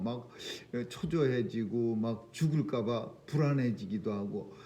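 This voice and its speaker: A man's voice: on the high side, dark tone. A man preaching an early-morning prayer sermon in an earnest way, pushing his key phrases up with emphasis and often restarting his sentences. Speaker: pastor.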